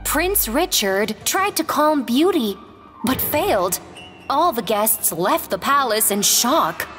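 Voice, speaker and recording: A woman tells a children's fairy tale in a gentle, expressive read-aloud voice. She speaks slowly with a very lively pitch. A long reverb trails her words over faint background music. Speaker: storyteller. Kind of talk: scripted fairy-tale narration.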